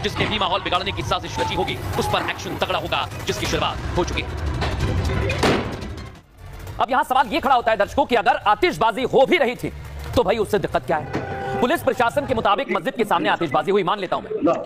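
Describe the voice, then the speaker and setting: A man's voice: high-pitched, lively intonation, a little fast, loud music behind the voice. A male news anchor delivering emphatic, dramatic commentary full of rhetorical questions to viewers.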